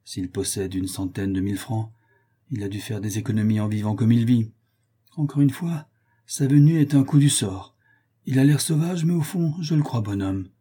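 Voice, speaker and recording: A man's voice: fairly low pitch, normal speed, mellow, breathy edge. A man reading the part of a young viscount who pleads with his father and then schemes aloud. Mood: scheming.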